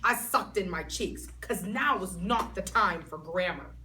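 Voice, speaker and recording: A woman reading a children's chapter book aloud in an expressive, child-like narrating voice. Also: lowish voice, measured pace. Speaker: storytime reader. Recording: voice a bit far from mic, faint background noise.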